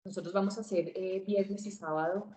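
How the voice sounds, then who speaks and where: A woman teaching a public speaking webinar, swinging her pitch, volume and pace to demonstrate. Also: fairly even intonation, a little fast, warm tone, roomy sound, slight background noise, rough recording. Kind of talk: webinar lesson.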